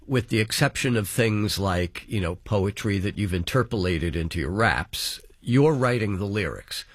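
Lively radio host asking questions. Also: male voice, on the low side, normal speed, slightly rough, dry recording, clean studio sound. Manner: curious, inquiring. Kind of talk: radio interview.

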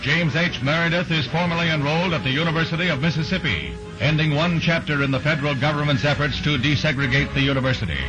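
A man narrating a 1960s newsreel in a brisk, formal announcer delivery, from an old newsreel soundtrack. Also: fairly high pitch, low-quality recording. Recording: archival newsreel audio with music underneath. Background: background music.

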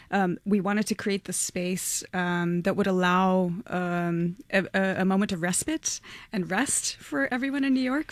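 A woman from Latvia answering interview questions, hesitant with many fillers and soft laughs. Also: fairly low pitch, no room sound. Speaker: curator and collaborator.

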